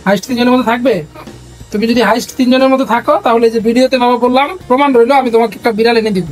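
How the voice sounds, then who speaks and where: Young father, family vlogger; rapid, soothing and reassuring, phone-recorded on a train. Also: very high voice, fairly even intonation, soft background music. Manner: gentle, coaxing, reassuring. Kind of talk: casual family vlog. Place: inside a moving train.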